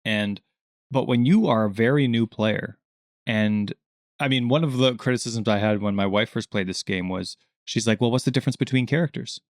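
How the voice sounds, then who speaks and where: Animated man on a podcast. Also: lowish voice, moderate pace, no echo, clean studio sound. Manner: animated, acts out quoted questions in a raised voice. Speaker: podcast co-host. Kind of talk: casual gaming podcast chat.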